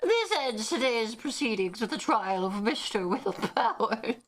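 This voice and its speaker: A woman's voice: on the high side, lively intonation, unhurried, noisy background. A woman voicing a formal, ponderous older male judge who makes stately pronouncements.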